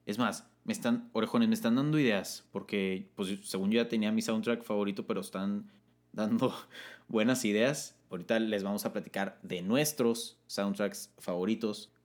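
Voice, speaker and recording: A young man with a Mexican Spanish accent co-hosting a casual chat, reading listener comments in an upbeat way and laughing often. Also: normal speed. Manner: upbeat, laughs often, jumps pitch when excited.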